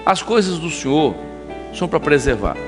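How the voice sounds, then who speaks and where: A male pastor giving a conversational sermon, animated and telling stories while acting out the scenes. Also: a little high, moderate pace, in a large hall, music in the background. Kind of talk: sermon with storytelling. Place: church.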